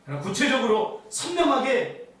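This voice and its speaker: A male pastor delivers an emphatic sermon, his high voice swinging up and down with animated energy. He is heard from a distance in a large, strongly reverberant church, with a faint hiss under the sound. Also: normal speed. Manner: emphatic preaching, acting out quoted voices. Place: church sanctuary. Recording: echoey hall from far off.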